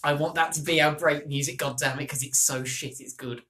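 A co-host of a casual podcast chat, quick and sarcastic, steering the topics. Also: medium pitch, fairly even intonation, pushed and bright.

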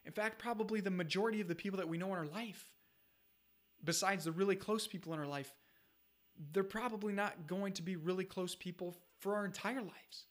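A self-improvement speaker in his thirties gives an earnest motivational talk, urging listeners directly and repeating his points. His voice sits high and his pace is brisk.

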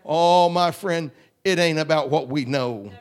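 A man preaching a fervent holiness sermon, rhythmic and drawling, often clearing his throat. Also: on the high side, measured pace. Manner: fervent, rhythmic, drawling with repeated call-outs.

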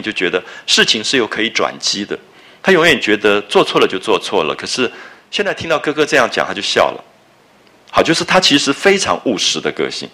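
A man explains a classic novel in a relaxed lecture. His tone is bright and ringing, and his pitch swings widely as he talks. He circles back over his own phrases and keeps asking his listeners rhetorical questions. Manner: conversational, repeats phrases, asks the audience rhetorical questions.

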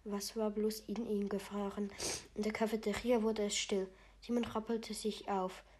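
A woman narrating a storybook with a steady, even delivery. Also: mid-range voice, moderate pace, slight background noise. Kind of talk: storybook reading.

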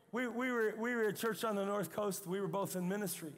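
An older man preaching a sermon as pastor, telling stories in an animated way with emphatic outbursts. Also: high voice. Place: church sanctuary. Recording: long reverb of a large hall.

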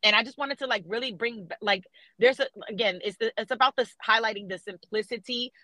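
A young woman from South Florida speaks as a guest in a casual interview. Her voice is bright and forward, recorded dry and close. She talks animatedly, full of fillers and restarts. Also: fairly high pitch, fairly quick, dry recording, low-quality recording. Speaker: guest muralist.

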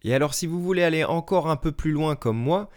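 A man's voice: a little high, brisk. A French man hosting a language-learning podcast, talking listeners through practice advice in a friendly, explanatory way with frequent fillers and self-corrections. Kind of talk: solo podcast advice talk. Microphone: podcast microphone.

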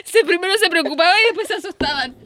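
A woman's voice: very high-pitched, animated, fast talker, a bit bright. A woman with a Chilean accent, co-hosting a podcast in casual chat, chiming in with wry comments and crude slang. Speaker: podcast co-host.

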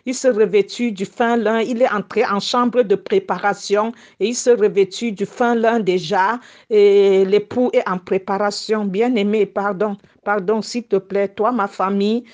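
A woman's voice: medium pitch, a little mellow. A woman preaching as a prophetess, fervent and repetitive, pleading with her listeners to prepare. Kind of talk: prophetic sermon and revelation account. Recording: dull lo-fi recording.

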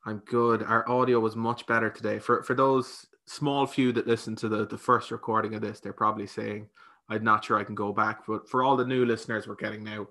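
A man's voice: on the low side, level tone, fairly quick, sharp tone. An Irish man interviewing casually and conversationally as a podcast host.

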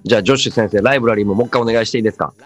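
A relaxed man plays the learner in a chatty lesson, repeating words and commenting on them. Faint music runs in the background. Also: fairly low pitch, rapid-fire. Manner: easygoing, repeats words after the teacher. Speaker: host, learner. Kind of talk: casual pronunciation lesson.

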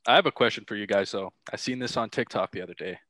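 A man's voice: lowish voice, fast talker, sharp tone, dry recording, low-quality recording. A young man co-hosting a podcast, laid-back, putting questions to his friends. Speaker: podcast co-host. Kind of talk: casual chat.

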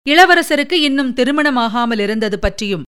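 A woman narrating a historical novel in steady, even storytelling. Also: on the high side, moderate pace, clean tone.

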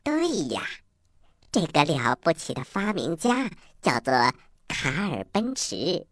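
Croaky, cheerful little cartoon frog. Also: male voice, on the high side, huge pitch swings, measured pace, loud music behind the voice, exaggerated voice. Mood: explaining cheerfully. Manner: playful, childlike, exaggerated. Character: cheerful eager little talking frog, knowledgeable time-machine guide. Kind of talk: children's audio story acting.

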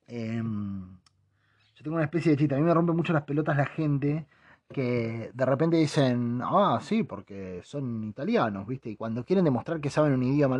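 A man's voice: medium pitch, mellow, no echo, lo-fi sound. A young man with an Argentine accent hosting a casual comic monologue, rambling and joking, putting on mock foreign accents. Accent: Argentine Rioplatense Spanish. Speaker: podcast host.

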